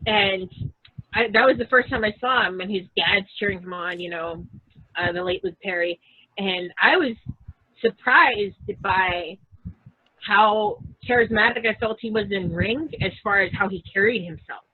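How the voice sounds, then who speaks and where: Woman guest chatting on a podcast, husky voice, sounds like a tinny phone line. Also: mid-range voice, moderate pace. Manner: chatty, thinks aloud with fillers. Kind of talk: casual podcast chat.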